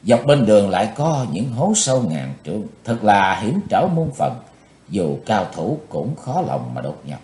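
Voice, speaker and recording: A man's voice: lowish voice, very animated, unhurried, a little mellow. Man narrating a dramatic martial-arts tale. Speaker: audiobook narrator. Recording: roomy echo.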